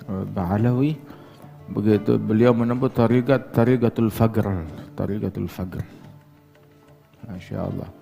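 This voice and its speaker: Male preacher with a gravelly voice. Delivers a religious lecture with emphatic bursts and slow chanted Arabic. Echoey hall, faint music behind. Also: fairly low pitch. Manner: switches between quiet talk and sudden emphatic outbursts.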